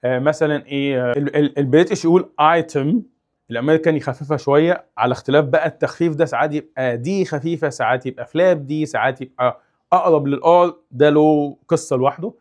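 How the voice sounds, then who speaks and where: A young man with an Egyptian Arabic accent teaching English in a casual, animated way, exaggerating sounds to demonstrate them. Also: fairly high pitch, fast. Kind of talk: casual explanatory lesson.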